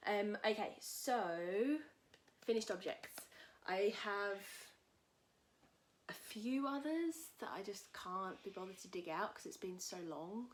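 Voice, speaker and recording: A woman hosting a casual knitting podcast from home, a little husky from a cold, chatting in a rambling way with many fillers. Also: medium pitch, animated, slow pace, slight background noise. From England. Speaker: podcast host. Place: at home in a tiny house. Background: cockatoos calling outside.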